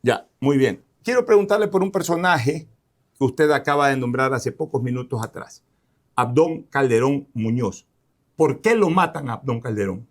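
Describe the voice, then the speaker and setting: A man's voice: mid-range voice, animated, moderate pace. A man from Ecuador hosting a radio interview, asking direct, pressing questions.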